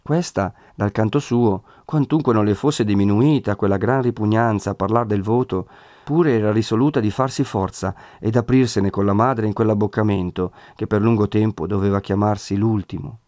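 Male narrator, italian accent, audiobook reading, steady measured tone, dry close recording. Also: fairly low pitch, dry recording. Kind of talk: scripted narration.

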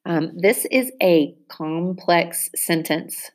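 A woman teacher giving a spelling test, reading each word clearly and using it in an example sentence. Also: fairly low pitch, slow. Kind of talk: spelling dictation lesson.

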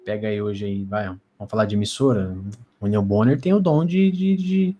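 A man's voice: fairly low pitch, moderate pace, warm tone, highs cut off. A man with a Brazilian accent chatting casually as a podcast guest, with a tongue-tied lisp that slurs his s and a stammer that repeats words and syllables.

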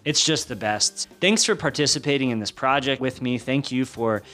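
A man's voice: medium pitch, moderate pace, fairly bright tone, faint music behind. A man hosting a podcast interview in casual, effusive, informal chat.

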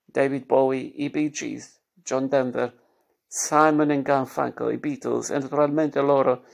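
A man reading literary fiction aloud in a measured, expressive narrating voice. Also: mid-range voice, gravelly. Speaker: reader.

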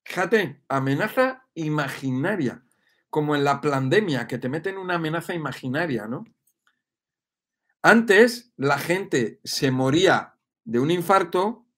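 A man's voice: on the high side, a bit bright. A man giving an emphatic, repetitive motivational monologue. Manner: emphatic and repetitive, often asking "¿ves?" and "¿vale?". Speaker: speaker on personal growth.

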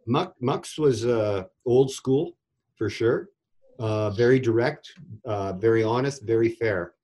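Slow-paced and husky, a middle-aged man with a medium-pitched, darkish voice reminisces about his time as a goalie coach in a casual interview. He rambles and repeats words whenever he restarts a sentence.

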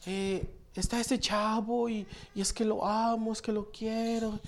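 A man acts out a lovesick teenage girl in a sermon, pleading softly and haltingly as she asks for advice. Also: fairly high pitch, level tone, close to an everyday voice.

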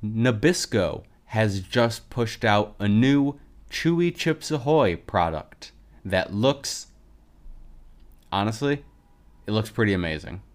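Brief: lisping male podcast host, unhurried, low-ish voice, eager snack chatter. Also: lively intonation. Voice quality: lisp. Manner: chatty and enthusiastic about snack foods. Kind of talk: casual solo podcast monologue.

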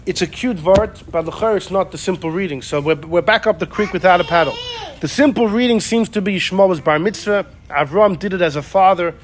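A man teaching an informal Torah class, animated, often repeating himself and acting out the people he quotes. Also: high voice, a little fast, slight background noise. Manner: animated, acts out quoted speakers, repeats phrases.

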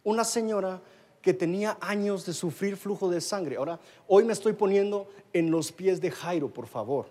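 A Guatemalan man preaches a sermon in a high, light voice. He tells it as a personal story, stumbling over repeated words and restarts as he talks to his congregation. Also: moderate pace, a little mellow. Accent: Guatemalan Spanish. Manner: storytelling, with many repetitions and restarts.

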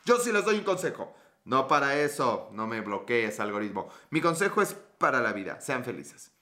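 This Mexican-accented streamer in his thirties keeps things casual and funny, swearing and reading chat comments on air. His mid-range voice has a sing-song lilt and a sharp tone, moving at a moderate pace.

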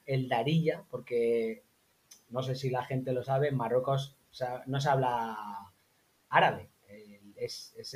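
This chatty Spaniard, once a teacher in Morocco, is an interview guest swapping stories in easygoing conversation. His anecdotes are animated, and he mimics what people said by putting on high voices.

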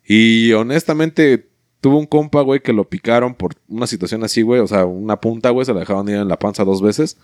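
A man's voice: on the low side, a little fast, a little mellow, dry recording, clean studio sound. A young man with a Mexican Spanish accent, telling crude, slang-filled stories in a casual chat and swearing constantly.

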